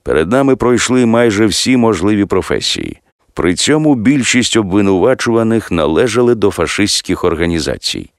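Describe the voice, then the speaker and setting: A man narrating an audiobook with expressive storytelling. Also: on the low side, moderate pace, no echo, clean studio sound.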